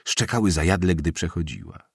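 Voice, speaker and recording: A man narrating a classic novel with a very deep, gravelly voice that carries a husky edge. His reading is measured yet lively in pitch, rising and falling through the sentences. The recording is dry and close. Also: no echo. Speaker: audiobook narrator.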